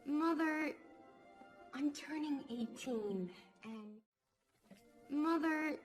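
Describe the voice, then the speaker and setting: Brief: a hopeful, hesitant girl of eighteen in an animated film, high voice, very drawn-out delivery, soft score underneath. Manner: earnest, hesitant, sighing. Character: young woman turning eighteen, hopeful and pleading. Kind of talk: animated film dialogue, replayed for learners.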